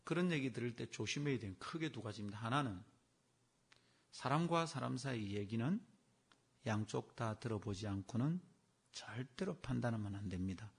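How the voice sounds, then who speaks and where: A gravelly, husky man preaches a sermon. His pitch rises and falls with animation, and he swings from hushed to loud. At times his voice sounds a bit far from the mic. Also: expressive, moderate pace. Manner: acts out conversations, swings from soft to loud. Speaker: pastor.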